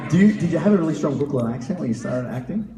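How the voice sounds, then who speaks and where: Australian-born male moderator, casual with filler words, lively pitch; far mic, loud noise. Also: rapid-fire, creaky. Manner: casual and jokey, many fillers like "um" and "like". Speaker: panel moderator. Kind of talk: convention Q&A interviewing. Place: large convention hall with audience. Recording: reverberant hall, distant mic, crowd and noise.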